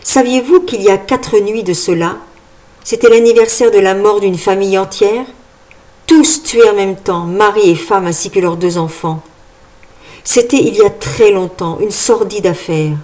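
A woman's voice: medium pitch, moderate pace, dark tone, lightly acted. A woman voicing the spirit of a vengeful dead man in a horror audiobook, clipping each syllable precisely. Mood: menacing.

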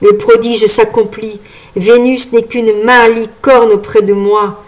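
A woman voicing a vain, grandiose enchanted frog fairy in a storybook reading, with a shrill, preening, imperious manner. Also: flat delivery, takes it slowly. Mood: vain excited.

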